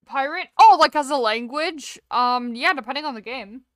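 A woman's voice: high-pitched, animated, moderate pace, a bit bright, no room sound. A woman hosting a casual gaming livestream, chatting playfully with exclamations and self-interruptions, on a close compressed streaming microphone. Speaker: game streamer host. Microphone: close streaming microphone with software compressor.

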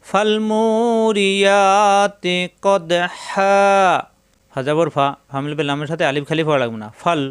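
A man with a Bangladeshi Bengali accent gives a methodical Quran spelling lesson, breaking words into syllables and drawing each one out in a slow chant. His voice sits a little high and sounds clear and resonant. The recording is dry and close, with no room sound. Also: dry recording. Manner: slow drawn-out chanting of Arabic words between plain explanations. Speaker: Quran reading teacher. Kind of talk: step-by-step spelling and pronunciation lesson.

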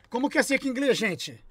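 A man's voice: extremely high pitch, creaky, fairly bright tone, slightly rough. A man hosting a casual gaming stream, teasing and crude, laughing often. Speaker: streamer host.

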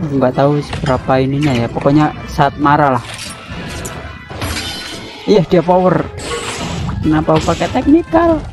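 Excitable man commentating a video game. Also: a little high. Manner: excitable, repeats words in quick bursts. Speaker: gameplay commentator. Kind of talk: casual let's-play commentary. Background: game music.

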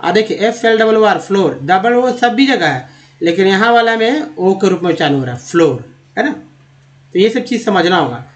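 Man, high-pitched voice, pronunciation tutor, spells out letters, slow sample words. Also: animated, rough recording. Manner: drills words slowly, spelling out letters and asking quiz questions. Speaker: English pronunciation teacher. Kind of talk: Hindi-language phonics lesson.

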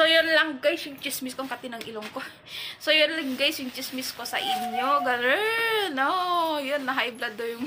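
A woman's voice: sits high, background noise. A woman from the Philippines chatting casually to her viewers, rambling with many fillers and restarts. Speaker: vlogger. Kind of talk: casual gossip chat to viewers. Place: family home.

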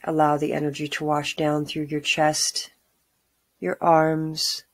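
A middle-aged woman leading a calm guided grounding exercise, giving soothing, unhurried instructions with pauses. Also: deep voice, dry recording. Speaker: meditation guide. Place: small room at home, indoors.

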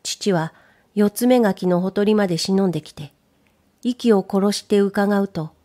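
A woman reading a period story aloud in a calm, measured way, dropping to a hush at tense moments. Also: medium pitch. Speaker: narrator. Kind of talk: scripted narration of a period story.

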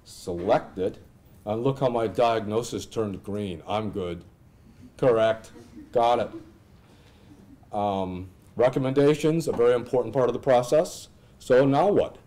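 A middle-aged American man giving an informal lecture with a software demonstration, thinking aloud and asking rhetorical questions. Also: medium pitch, takes it slowly. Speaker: instructor presenting clinical simulations. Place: indoor classroom at a lectern.

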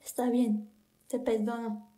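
Young woman, high voice, sassy and playful; comedy sketch lead. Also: flat delivery, slow pace, dark tone. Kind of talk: acted comedy skits.

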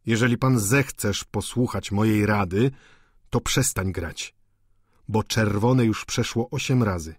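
A male audiobook narrator voicing a dignified old man who gives grave, calm advice. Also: on the low side, unhurried, breathy edge, no room sound, studio quality. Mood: confiding. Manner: grave, advising.

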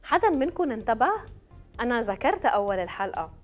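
Woman, French teacher, fairly high and animated, drills words slowly and clearly. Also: faint music behind. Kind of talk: televised classroom lesson.

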